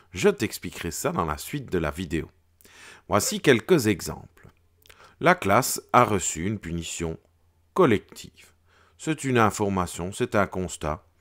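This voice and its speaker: Speaking with a fairly low, slightly bright voice, a man takes children through French grammar. He goes slowly and clearly, performing the intonation of each example sentence.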